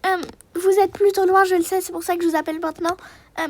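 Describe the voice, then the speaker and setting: A woman's voice: level tone, fast talker, a little mellow, a little hiss or hum. Woman voicing a nervous, hesitant young mother. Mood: urgent. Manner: high-pitched, hesitant, full of fillers. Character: frightened young mother protecting her daughters.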